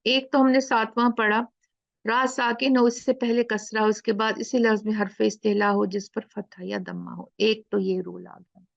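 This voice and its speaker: A woman teaching a Quran recitation lesson, drawing out the letter sounds slowly as she demonstrates them. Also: on the high side, steady tone, gravelly, no room sound. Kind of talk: explaining a lesson. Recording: dull lo-fi recording.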